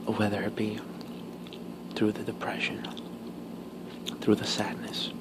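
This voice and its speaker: A man whispering casual ASMR talk while chewing gum, pausing between short, halting phrases. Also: on the low side, monotone. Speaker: ASMR video creator.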